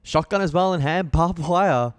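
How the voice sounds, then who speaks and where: A man's voice: on the high side, normal speed, a little hiss or hum. A man co-commentating a live esports match in an analytical, conversational way.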